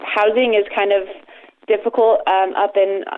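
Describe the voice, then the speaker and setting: A young woman calls in over a tinny phone line to talk about her charity. She speaks earnestly in an even, fairly flat tone, with frequent "um"s. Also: medium pitch, normal speed, slight background noise. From Colorado. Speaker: phone-in guest, head of a charity. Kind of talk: phone interview.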